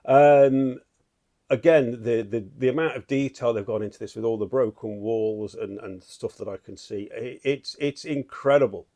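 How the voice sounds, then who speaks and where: A middle-aged man chatting excitedly in a home vlog, rambling and restarting his sentences as he walks around. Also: medium pitch, normal speed. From United Kingdom. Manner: enthusiastic, rambling, with many restarts. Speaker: statue collector vlogger. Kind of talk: excited casual vlog chat. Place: at home, walking between rooms.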